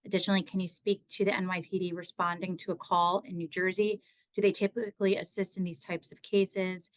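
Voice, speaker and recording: A woman's voice: lowish voice, flat delivery, brisk, dry recording. A woman moderating a press briefing, reading out reporters' questions in a polite, businesslike way.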